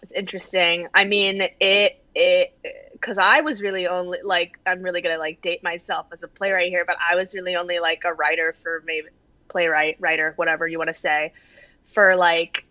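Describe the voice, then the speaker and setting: A young woman chatting casually as an interview guest, halting and self-deprecating, talking over a video call. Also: on the low side, flat delivery, no room sound. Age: young adult. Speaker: guest playwright. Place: small room at home, indoors. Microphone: computer mic on a video call. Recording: slightly dull video-call audio.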